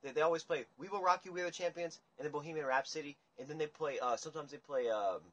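A young man hosting a casual livestream chat, ranting in a rambling, profane, animated way. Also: a little high, quick pace, dull audio. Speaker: livestream host. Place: dim room indoors. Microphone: phone camera at table.

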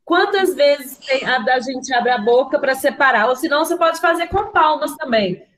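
A primary school teacher patiently leads young children through an online lesson, spelling words syllable by syllable and asking the class questions. She has a Brazilian Portuguese accent and a high, slightly bright voice with lively intonation at a normal pace. Her voice comes over a computer video call, and the recording is low quality.

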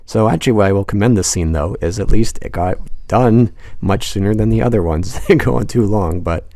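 A man's voice: on the low side, a little fast, mellow, dry recording, clean studio sound. A man narrating a casual film commentary, amused and chuckling as he talks. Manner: amused, chuckles through lines. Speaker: video essay host.

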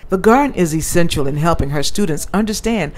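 A woman's voice: on the low side, brisk. Woman reporter reading a news voice-over. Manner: even, clearly read voice-over. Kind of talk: scripted news narration.

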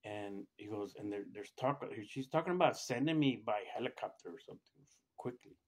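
A man's voice: lowish voice, animated. Rambling man telling his story. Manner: rambling, halting, with many restarts and fillers; acts out other people's quoted lines in a raised voice. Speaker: storyteller recounting a personal experience. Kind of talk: casual spoken storytelling.

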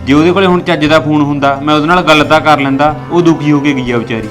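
A man with a Punjabi accent speaks fast and earnestly in a village family drama, his voice a little high for a man. He reassures and reasons, and soft music plays under him. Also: fairly even intonation. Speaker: son talking to his mother.

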